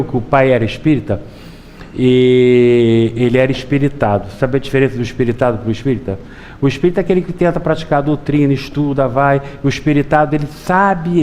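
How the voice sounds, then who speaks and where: A middle-aged man giving a Spiritist public lecture, telling folksy stories and often asking the audience to agree. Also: a little hiss or hum. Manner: lively storytelling with wide pitch swings.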